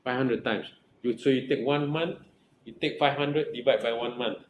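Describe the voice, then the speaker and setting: The academic supervisor, a middle-aged man with a Malaysian accent, speaks at a moderate pace in a mid-range voice with fairly even intonation. Advising a research student, he's earnest and repetitive, often restarting and checking with "right?" Echo and faint noise come through the room.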